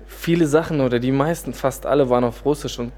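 A man from Germany, a guest author, talks in a casual, unhurried way. He pauses often, restarts sentences and fills gaps while searching for words. His voice sits at an ordinary middle pitch. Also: a little mellow. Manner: hesitant, many fillers and restarts. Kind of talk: casual interview talk.

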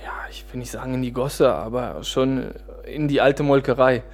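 A man from Germany, a guest author in a relaxed interview, speaking hesitantly with many pauses and restarts. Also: mid-range voice. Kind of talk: casual interview talk.

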